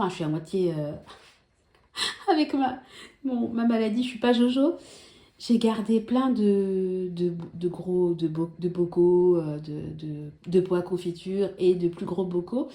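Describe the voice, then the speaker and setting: A woman's voice: on the low side, a little slow, warm tone. Chatty woman in an echoey room. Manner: chatty, full of hesitations and asides to viewers. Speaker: vlogger showing her grocery haul. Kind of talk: casual vlog chat. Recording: echoey room with faint noise.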